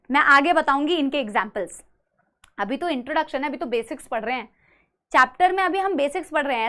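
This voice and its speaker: Woman teaching biology online, really high bright voice, says each term slow so kids repeat. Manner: slow drilled pronunciation, asks students to repeat. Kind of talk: online class lecture.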